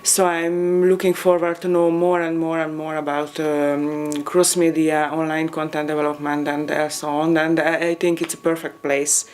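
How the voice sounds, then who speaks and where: A woman's voice: low-pitched, little pitch movement, normal speed, few pauses, darkish tone. Hesitant woman in her thirties from Hungary. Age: 30s. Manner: hesitant, many fillers. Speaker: PhD student, animator. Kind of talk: interview answers.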